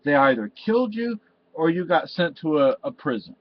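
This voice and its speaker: Sitting in his cluttered home, an older vlogger from Spain speaks into his webcam in a wandering, heartfelt monologue full of false starts and "you know." His voice is high and sing-song with vocal fry, at a moderate pace, and the lo-fi webcam sound is a bit dull.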